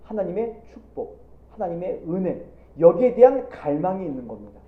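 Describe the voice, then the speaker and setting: Male pastor, animated sermon delivery; roomy echo, thin narrow-band recording. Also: high-pitched, normal speed. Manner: animated preaching, acting out Bible figures in quotes. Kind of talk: Sunday sermon. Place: church sanctuary. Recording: echoey church, phone-like audio.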